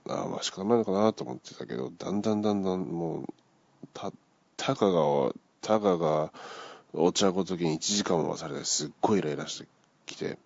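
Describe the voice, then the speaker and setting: Gravelly low-voiced man recounting a dream. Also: a little mellow, no room sound. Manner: acts out the voices of people in the story. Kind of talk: casual retelling of a dream. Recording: dull lo-fi dry recording.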